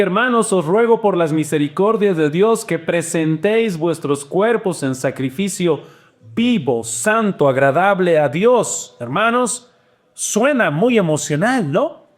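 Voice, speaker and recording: A man preaching a sermon as pastor, animated, with wide swings in pitch and loudness.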